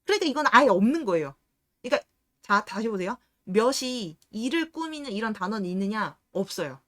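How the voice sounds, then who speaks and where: A woman explaining Korean pronunciation rules in a lesson. She poses questions to her viewers and answers them herself, and she repeats words slowly to show how they sound. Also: mid-range voice, big pitch swings. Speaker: reading and debate instructor.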